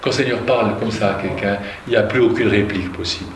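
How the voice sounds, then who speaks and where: A man's voice: lowish voice, fast, a little hiss or hum. A man preaching a sermon, reading scripture aloud and commenting with questions to his listeners. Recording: roomy, from far off, faint ambience.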